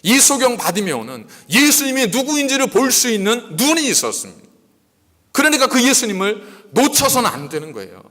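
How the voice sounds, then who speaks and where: A male pastor preaching a sermon, asking many rhetorical questions in an animated delivery. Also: extremely high pitch, fairly quick. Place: church sanctuary. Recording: echoey church hall.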